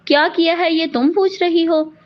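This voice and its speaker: A woman's voice: extremely high pitch, steady tone, normal speed, voice pushed up. A woman reading the lines of a proud, vengeful young doctor in a cold, biting tone. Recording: dull lo-fi audio.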